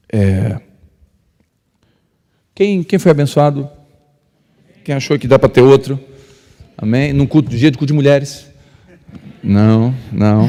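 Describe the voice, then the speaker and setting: A male pastor, telling stories to couples. He speaks loudly by nature, acts out dialogue and jokes with the crowd. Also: medium pitch. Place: church hall. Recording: long reverb of a church hall.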